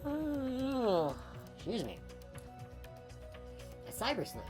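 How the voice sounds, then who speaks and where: A woman's voice: fairly high pitch, very animated, extremely slow, music in the background, pitched above the performer's own voice, heavily acted. A woman voicing a bubbly young female record-shop clerk who is an eager, apologetic otaku. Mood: chirpy. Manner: sleepy then chipper, apologetic and eager.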